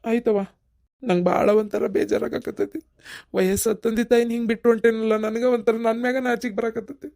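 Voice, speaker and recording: A woman's voice: fairly high pitch, flat delivery, a little fast, gravelly, warm tone, no room sound, studio quality. A woman voicing a sheepish young cartoon son with a North Karnataka Kannada accent.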